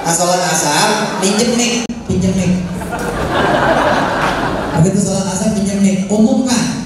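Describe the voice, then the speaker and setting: A male preacher giving a lively sermon to a congregation, acting out little scenes and leading prayers. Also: sits high, a little slow, over a noisy crowd, heavy background noise. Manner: animated, acts out announcements, leads prayer in Arabic recitation. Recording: echoey hall from far off with music.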